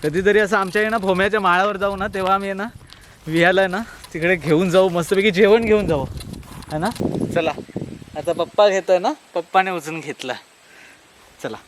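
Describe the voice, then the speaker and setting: Konkan man in his thirties, high voice, casual talkative vlogger. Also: brisk, a little hiss or hum. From Konkan, Maharashtra. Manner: chatty, talks to his small daughter in a lively sing-song. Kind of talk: casual walking vlog.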